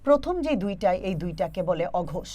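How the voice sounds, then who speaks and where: A woman's voice: fairly low pitch, sing-song, dark tone. Patient woman teaching phonetics. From Bangladesh. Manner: patient, demonstrates sounds slowly, often checks "okay?". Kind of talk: online exam-prep lesson.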